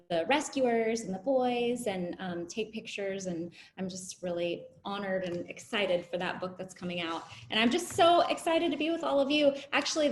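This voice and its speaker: Upbeat woman author in an echoey room. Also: mid-range voice. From United States. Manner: upbeat, quick to laugh. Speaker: children's author. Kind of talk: panel introduction. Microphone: video call. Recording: echoey room with faint noise.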